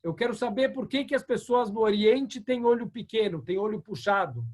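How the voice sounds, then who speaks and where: A man's voice: sits high, moderate pace, a little mellow. A man voicing a pestering adult heckler who keeps badgering a sage with questions, insistent and eager.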